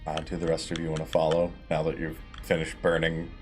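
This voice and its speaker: A man's voice: very deep voice, monotone, brisk, darkish tone, soft background music. A man acting as game master, narrating a tabletop role-playing game in a casual, informal, sweary way.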